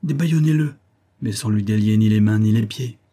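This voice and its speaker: A man's voice: fairly low pitch, fairly quick, dark tone, close to an everyday voice. A man voicing a bold young naval lieutenant in a read-aloud novel, commanding and urgent.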